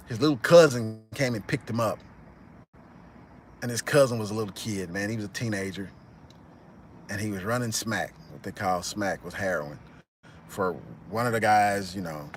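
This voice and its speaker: A man hosting a livestream, chatting with viewers and retelling a movie plot as a rambling, animated storyteller. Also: on the low side, normal speed, pauses often, a little hiss or hum. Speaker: channel host. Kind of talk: livestream commentary reading chat.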